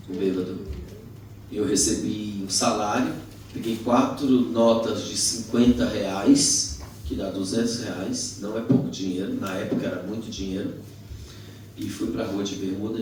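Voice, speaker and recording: A man with a Brazilian accent, a pastor giving his testimony as an animated storyteller who acts out voices with loud bursts. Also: on the low side, slight background noise. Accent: Brazilian Portuguese. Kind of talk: testimony sermon. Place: church hall. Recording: very echoey church hall, mic at a distance.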